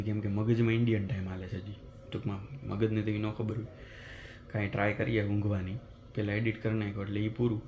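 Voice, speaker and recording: A man, telling a story as a vlogger in a chatty, animated way, recorded in his apartment at night. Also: lowish voice, a little hiss or hum. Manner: animated retelling of a mishap, chatty and conversational. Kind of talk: casual vlog storytelling.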